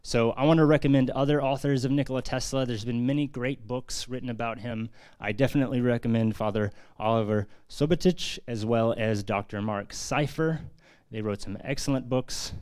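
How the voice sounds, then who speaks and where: An American author presents his book at a launch in a press centre conference room, speaking casually and earnestly with frequent fillers. His mid-range voice is brisk, darkish and clean, with fairly even intonation.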